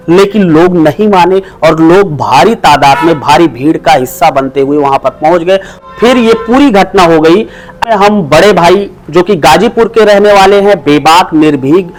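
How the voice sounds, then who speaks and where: A man's voice: high voice, poor audio. A man hosting an interview, asking earnest, formal questions. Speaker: host.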